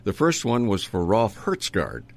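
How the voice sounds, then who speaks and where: A man's voice: lowish voice, wildly swooping pitch, measured pace, vocal fry. Older man, retired announcer reminiscing. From Minnesota. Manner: rambling, many ums and uhs, chuckling. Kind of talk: reminiscing interview talk.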